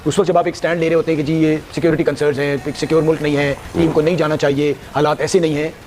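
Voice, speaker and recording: Male panelist, quick, measured argument. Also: on the high side, little pitch movement, darkish tone, a little hiss or hum. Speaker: panel guest. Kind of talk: debate commentary.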